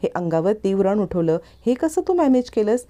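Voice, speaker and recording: A woman's voice: mid-range voice, big pitch swings, moderate pace, dark tone, voice pushed up, natural voice. A woman voicing a sly, conniving young man who talks in a coaxing way.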